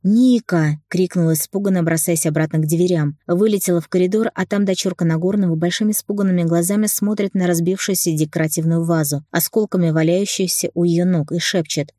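A woman's voice: fairly low pitch, fairly even intonation, fast talker, few pauses, mellow, no echo, clean studio sound. A woman narrating a novel aloud in the first person, reading evenly and without hurry. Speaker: audiobook narrator.

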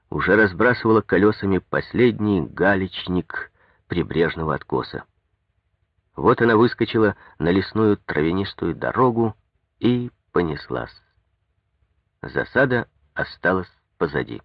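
A man narrating a story in a steady, measured reading on a close mic. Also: low-pitched, gravelly, no room sound. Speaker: audiobook narrator. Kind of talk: scripted narration.

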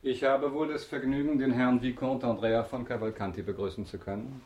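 An actor in a German radio drama playing a suave, courteous count with polished, measured, formal speech, quietly in control. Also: male voice, mid-range voice, steady tone, lightly acted. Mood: smooth, courteous.

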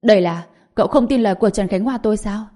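A woman's voice: mid-range voice, brisk, mellow, lightly acted. A woman voicing a proud male clan elder over eighty, harsh and scornful, in a spoken story. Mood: angry.

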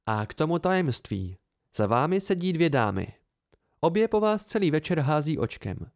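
A teasing young woman, as a male reader puts her on in an amateur audiobook. Her lines rise higher than the reader's own voice and swing widely in pitch. The tone stays playful and lilting. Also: very animated.

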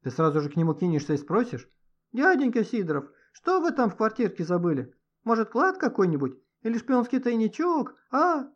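A man's voice: on the high side, rapid-fire, hardly any pauses, a little mellow, natural voice. A man voicing a sarcastic teenage boy teasing his friend in a mocking sing-song, in a storybook reading. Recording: dull lo-fi audio.

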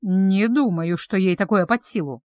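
A woman voicing a calm male elf who speaks in a soft, measured, gently teasing way. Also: medium pitch, dry recording, clean studio sound, lightly acted.

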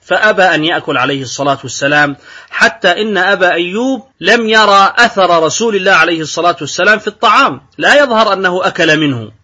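A man, an Islamic scholar, giving a recorded religious lesson, reading texts slowly and then explaining them word by word. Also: sits high, animated, bright, forceful tone. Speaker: Islamic scholar teaching a hadith text. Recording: dull lo-fi recording.

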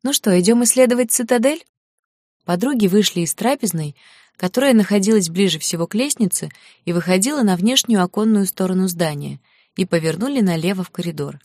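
A woman's voice: lowish voice, fairly quick, darkish tone, dry recording, studio quality. A woman narrating a fantasy novel as an audiobook, lightly voicing the girls' dialogue. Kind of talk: scripted narration.

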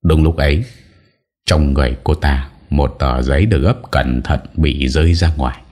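A man's voice: rumbling low, normal speed, darkish tone. A man narrating an audio story in a dramatic storytelling manner.

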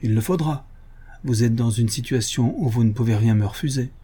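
Man playing a cold hard ex-cop who lays out the evidence bit by bit, dark husky voice. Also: medium pitch, fairly quick, lightly acted. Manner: curt, hard, precise. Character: cold, precise male ex-police inspector.

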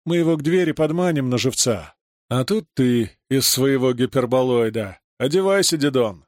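A man's voice: medium pitch, expressive, moderate pace, a little mellow, dry recording, clean studio sound, natural voice. A man voicing a crude, mocking young village man in an audiobook reading. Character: rough young village man, swearing joker.

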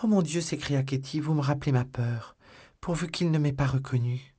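A man's voice: on the low side, a little fast, a little mellow, breathy edge. A man voicing a frightened young maidservant who pleads for help, in an audiobook reading. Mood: alarmed.

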